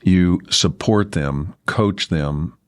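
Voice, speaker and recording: A man with a very deep voice hosts the conversation, reflecting on his guest's points and telling an anecdote. The recording is dry and close, with no room sound. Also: very slow, dry recording. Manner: reflective, tells anecdotes, warmly affirming. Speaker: podcast host. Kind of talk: interview commentary.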